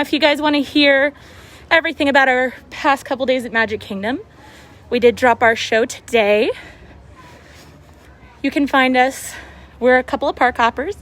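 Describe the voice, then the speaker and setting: A woman's voice: high voice, a bit bright. A woman chatting casually and with amazement to viewers as she vlogs on a walk. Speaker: vlogger and podcast host. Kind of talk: casual walk-along vlog chat. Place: outdoors in a theme park queue.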